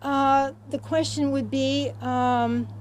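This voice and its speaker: A woman with a high voice speaks haltingly as a studio guest. She pauses often and fills gaps with ums. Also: steady tone, a little hiss or hum. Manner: hesitant, halting, many ums. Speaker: talk show guest. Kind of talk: studio interview answers.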